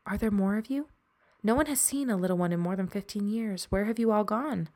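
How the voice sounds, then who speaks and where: A woman's voice: mid-range voice, brisk, a little mellow, voice pushed up, natural voice. A woman voicing a polite, curious grown man in the woods who stammers when nervous, in a spoken storybook.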